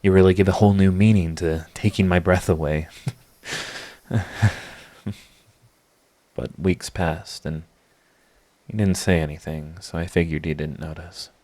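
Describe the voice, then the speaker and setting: In an intimate audio drama, a man with a low, dark voice plays a sardonic supervillain, theatrical and sarcastic in a scripted roleplay monologue. His tone stays steady, but his halting delivery gives away a secret devotion to his rival, and the mood is anguished and confessional.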